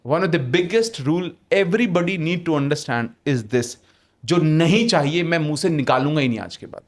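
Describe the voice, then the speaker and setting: This podcast guest, an author on manifestation, talks at a slow pace in a slightly high, animated voice. The conversation is casual, and he stresses points by repeating himself while frequently switching to English.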